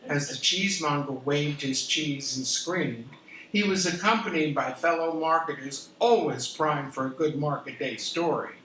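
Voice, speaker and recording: Performing for an audience in a historic house, an older American author with a deep voice gives a dramatic reading of her memoir, full of theatrical expression and pointed pauses. The distant microphone leaves the sound roomy, with noise in the background.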